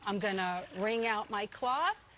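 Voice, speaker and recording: A woman's voice: mid-range voice, expressive, a little slow, a bit bright, slight background noise. A woman from the United States presenting a product in home shopping style, instructive, with emphatic short phrases.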